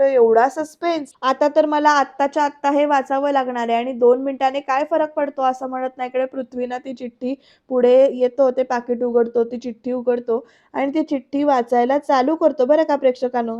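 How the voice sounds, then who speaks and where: High-voiced Marathi woman recapping a serial. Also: muffled recording. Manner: lively storytelling, addresses viewers directly. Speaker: serial episode reviewer. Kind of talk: voice-over recap narration.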